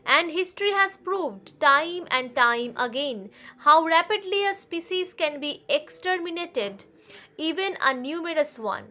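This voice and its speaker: A woman teacher with an Indian English accent, reading a story aloud to a class in an expressive, measured way. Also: high voice.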